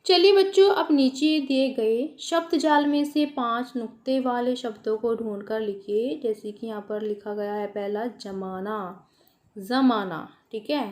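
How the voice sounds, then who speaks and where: Slow, higher-pitched woman teaching children. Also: fairly even intonation, a little mellow. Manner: slow, careful pronunciation of words for children; asks and answers her own questions. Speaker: primary school teacher. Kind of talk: worksheet lesson for children.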